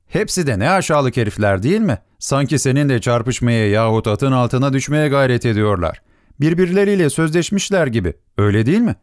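A man's voice: medium pitch, animated, a little fast, dry recording, studio quality, voice pushed up, lightly acted. A man voicing a scornful officer who scolds and mocks a cab driver in a storybook reading. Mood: sneering. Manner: sneering, scolding. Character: arrogant mocking officer, a man.

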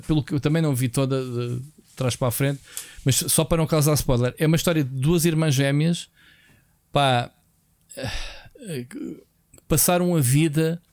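A man's voice: on the high side, darkish tone, dry recording. A man with a European Portuguese accent co-hosting a podcast in an informal, slangy, conversational way. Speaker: podcast co-host. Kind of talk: casual chat.

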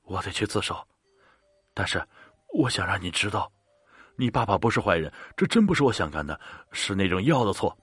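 A man's voice: low-pitched, very animated, a little fast, fairly bright tone, husky, no echo, exaggerated voice. A man playing a grieving father who speaks in a choked, tearful, pleading way.

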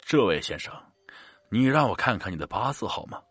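A composed elderly fortune-teller in a spoken ghost story, put on by a male narrator. He talks in an unhurried, husky voice that ranges widely in pitch. The sound is dry and close. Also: very animated, a bit bright, dry recording, faint music behind, exaggerated voice. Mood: measured.

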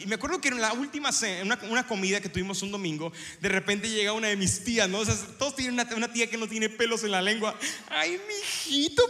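A middle-aged man with a Mexican accent preaches to his congregation, telling stories and calling out questions. His voice sits high and sounds bright and forceful. A long reverb trails after him, as in a large hall. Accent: Mexican Spanish. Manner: storytelling, lively and engaging the congregation. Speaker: pastor. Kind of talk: sermon.

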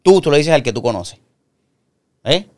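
A man with a Puerto Rican accent in casual chat, animated and quick to act out quoted voices. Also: fairly high pitch. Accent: Puerto Rican Spanish.

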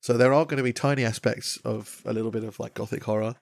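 A man's voice: medium pitch, fairly even intonation, fast talker, creaky, no room sound. A man co-hosting a podcast, talking casually about the world he runs his tabletop game in, rambling and jokey with lots of fillers. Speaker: podcast co-host and game master.

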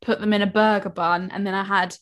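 A young woman who just finished university, chatting casually and pausing on "um" as she tells a story. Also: medium pitch, flat delivery, a bit bright. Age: young adult. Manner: friendly storytelling with hesitant ums. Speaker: co-host. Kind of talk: casual chat.

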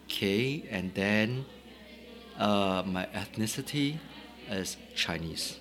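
A man's voice: lowish voice, fairly bright tone, faint music behind. Thoughtful Singaporean man in casual chat. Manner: thoughtful, pausing often with "uh" and "right?". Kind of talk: casual conversation.

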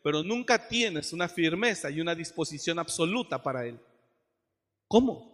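A man preaching a sermon as pastor, acting out quotes and rising to shouted peaks. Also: on the high side, animated, a little fast. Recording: long hall reverb.

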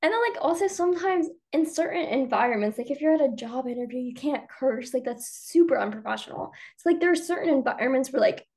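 Young woman podcast cohost, lively pitch, bit of vocal fry, chatty. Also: fast talker, hardly any pauses. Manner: chatty, many fillers. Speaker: podcast co-host. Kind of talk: casual debate chat.

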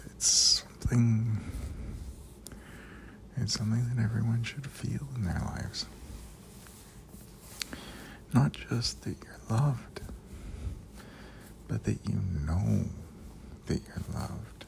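A man delivers an intimate ASMR monologue right in your ear, very slowly and half-whispered. His low voice has a gravelly creak, and he spaces out his soothing, affirming phrases with deliberate pauses. A light layer of noise sits behind him. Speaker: host.

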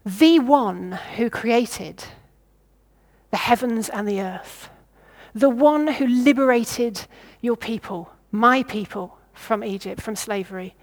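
A woman's voice: on the high side, slow. A woman preaching a sermon, thinking aloud, putting questions to her listeners and sometimes stumbling over her words. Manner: reflective, asks the listeners questions.

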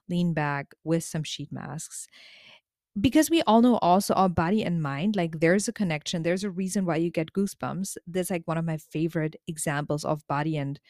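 A woman's voice: lowish voice, darkish tone, no room sound, clean studio sound. A woman vlogger talking casually in an informal, emphatic way with slangy exaggeration. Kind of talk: casual chatty vlog monologue.

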